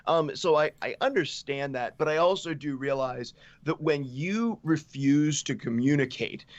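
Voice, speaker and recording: A man's voice: medium pitch, fairly bright tone, dry recording, dull audio. A man co-hosting a casual podcast discussion, talking earnestly and speeding up as he makes his points. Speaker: podcast co-host.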